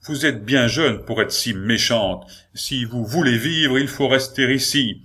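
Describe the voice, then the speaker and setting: A man reading aloud voices a cold, domineering nobleman who speaks in a booming, contemptuous tone. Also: unhurried, bright, forceful tone, husky. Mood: threatening.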